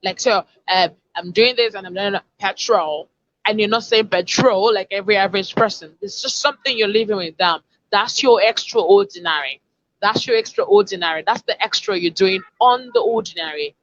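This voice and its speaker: A woman's voice: mid-range voice, brisk, a bit bright, muffled recording. A woman, a communication expert explaining and demonstrating word sounds in an online lesson over a video call. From Africa.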